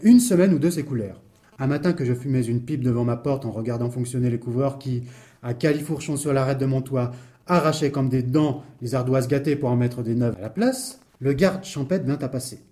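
Man playing a chatty guy telling his buddy a long story, soft mellow tone. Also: medium pitch, fairly quick, natural voice. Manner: lively, wordy storyteller. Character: man recounting his house troubles to a friend. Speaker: storyteller in a stage dialogue. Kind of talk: theatrical reading.

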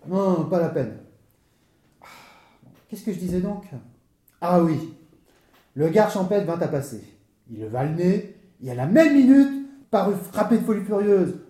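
Comic storyteller,: wordy, theatrical, quick to fluster; slightly high, mellow voice in a roomy room. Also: male voice, sing-song. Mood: peeved. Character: talkative man telling a comic misadventure. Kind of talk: stage comedy dialogue.

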